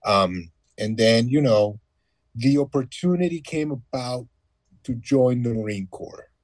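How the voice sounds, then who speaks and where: Male guest, mid-thirties, plain mid-pitched voice, calm storytelling, dry room. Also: unhurried, no echo. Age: 30s. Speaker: guest, former Marine. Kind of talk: casual conversation.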